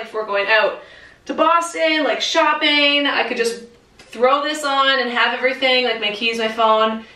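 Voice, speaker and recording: A woman's voice: a little high, bright, forceful tone. A young woman vlogger chatting casually about her clothes, with lots of "like" and "um", recorded in a half-empty room that echoes. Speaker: fashion vlogger. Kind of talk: casual haul chat. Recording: echoey bare room, voice far from mic.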